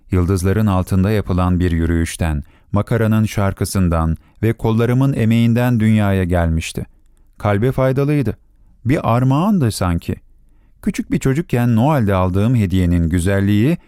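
A man narrating a storybook with a low, mellow voice that rises and falls with great liveliness. The sound is dry and close, with no room around it. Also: smooth, no room sound.

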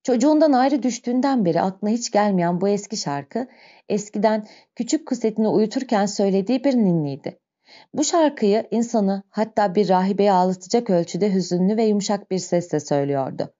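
A woman narrating a novel as an audiobook in slow, measured storytelling, on a dull lo-fi recording. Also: mid-range voice, lively intonation, warm tone.

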